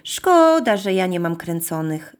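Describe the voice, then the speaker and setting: A woman's voice: medium pitch, big pitch swings, unhurried, dark tone. A woman voicing a young girl in hospital, sweet and wistful. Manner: childlike, wistful.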